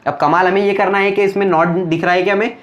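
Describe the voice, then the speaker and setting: A young man with a fairly high voice teaching a grammar lesson at a board. He keeps asking questions and then answers them himself, in a patient and explaining tone. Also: steady tone, fast, fairly bright tone, highs cut off.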